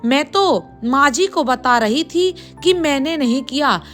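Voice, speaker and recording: A woman voicing a gentle, meek young daughter-in-law in a storybook tale, speaking in a soft, pleading way. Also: high-pitched, animated, unhurried, faint music behind. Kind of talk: storybook voice acting.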